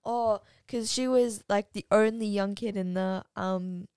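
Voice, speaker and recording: A woman's voice: medium pitch, steady tone, unhurried, darkish tone, smooth, no echo, studio quality. A young woman co-hosting a casual podcast with her father, chatty and giggly. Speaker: podcast co-host, daughter. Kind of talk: casual chat.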